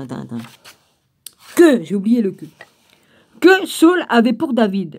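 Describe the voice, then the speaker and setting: Woman, reads aloud from a book, wry asides, warm fairly high voice. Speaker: reader of a book.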